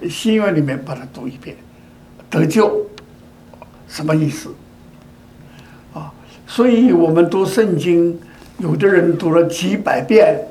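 Older man, sermon, rhetorical questions, higher voice, echoey room. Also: dark tone, slight background noise. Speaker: preacher.

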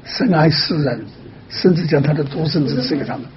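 A man with a slightly high voice counsels a caller in a patient, teaching way. He lays out each point slowly and keeps softly checking in. The sound is muffled and lo-fi. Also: slight background noise. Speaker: pastor answering a caller. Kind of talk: pastoral counseling.

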